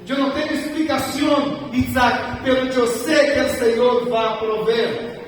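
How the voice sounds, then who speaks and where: Man, guest preacher, sermon, very high-pitched voice, emotional storytelling, loud and soft swings, long echo in a church hall, distant mic. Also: level tone, measured pace, a little hiss or hum.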